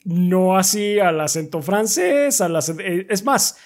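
A man's voice: sits high, lively intonation, a little slow. A man with a Mexican accent co-hosting a casual podcast chat, chatty and jokey. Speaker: podcast co-host.

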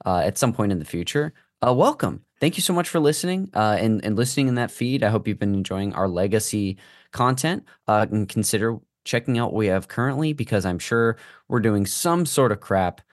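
A man's voice: lowish voice, animated, a little fast, dry recording, clean studio sound. A man hosting a podcast with casual, rambling banter and playfully overblown introductions. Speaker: podcast host.

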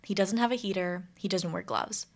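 A woman narrating a student news report in a clear, measured scripted delivery. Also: medium pitch.

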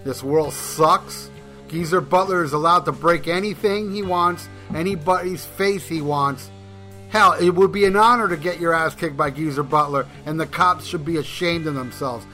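A man's voice: on the high side, moderate pace, pushed and bright, soft background music. A man hosting a podcast in casual, irreverent chat, given to teasing and mock ranting. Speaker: podcast host.

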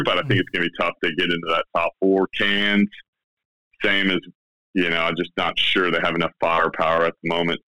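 A man's voice: sits low, bright, forceful tone, no echo, poor audio. A man giving basketball predictions as a guest, hesitant with many fillers. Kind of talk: casual sports chat.

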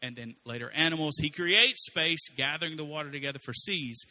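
A man's voice: a little high, brisk, bright, forceful tone. A man preaching a sermon, telling a story in a conversational way with frequent asides to the congregation. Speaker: pastor.

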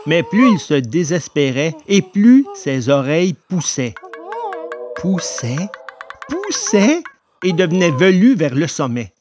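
A man narrating a storybook in an expressive telling voice. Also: fairly high pitch, moderate pace, hardly any pauses, over music.

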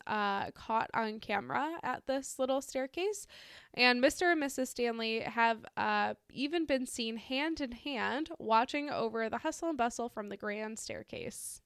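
Clear, higher-voiced woman hosting a casual podcast. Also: expressive, a little slow, fairly bright tone, no room sound, clean studio sound. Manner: informal, giggly, swears casually. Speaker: podcast host. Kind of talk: casual chat while reading out ghost stories.

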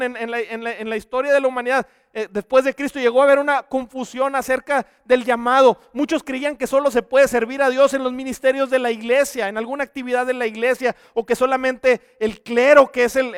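High-voiced man preaching a sermon. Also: smooth, no echo, clean studio sound, long reverb tail. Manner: earnest preaching, swings from loud to hushed.

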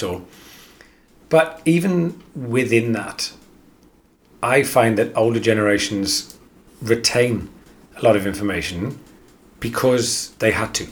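Rambling Australian man, slightly low voice. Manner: rambling, chatty, repeats words while thinking. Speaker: podcast co-host. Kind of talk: casual chat.

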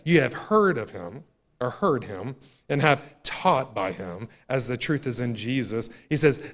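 A man preaching a sermon to his church, folksy and repetitive, calling out to the congregation and building to loud, emphatic climaxes. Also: medium pitch. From United States. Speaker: pastor. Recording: long hall reverb of a church.

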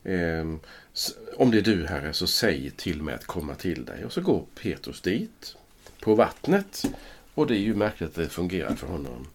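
A man, a priest hosting a podcast, reads scripture slowly and with measure, then muses thoughtfully in a casual Bible discussion. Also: low-pitched, big pitch swings, slight background noise. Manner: slow, measured reading, then thoughtful musing.

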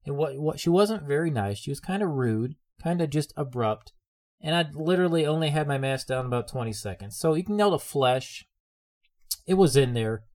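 A man's voice: on the high side, expressive, normal speed, a little mellow. A man preaching a sermon in an earnest way, often repeating his phrases for emphasis.

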